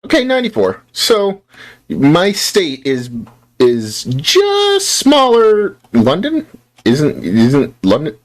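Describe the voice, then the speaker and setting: Tired, animated American man streaming. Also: on the high side, slow. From Utah, United States. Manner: rambling, playful, self-deprecating, talks to chat. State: tired after a long work shift. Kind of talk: casual live-stream chat while playing.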